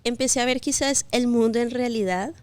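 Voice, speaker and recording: A woman in her thirties from Colombia, telling her life story as an interview guest in a gentle, reflective way with pauses and fillers. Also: fairly high pitch, smooth, dry recording. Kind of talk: personal testimony interview.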